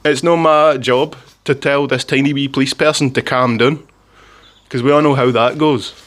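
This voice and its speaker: A man's voice: medium pitch, a bit bright. Scottish man telling a rambling story. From Scotland. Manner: rambling, with frequent restarts and chuckles. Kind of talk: casual storytelling monologue.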